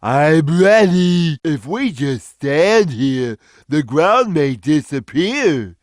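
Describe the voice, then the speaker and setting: A man voicing a big, gentle, slow-witted cat in a video game, with a simple, childlike, drawn-out delivery. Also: on the high side, sing-song, no room sound, clean studio sound, heavily acted. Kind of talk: video game character voice lines.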